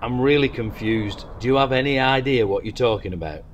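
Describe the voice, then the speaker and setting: Casual male church leader, mid-pitched, mildly exasperated, comic skit. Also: fairly quick, crowd noise. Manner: casual, mildly exasperated, calls everyone mate.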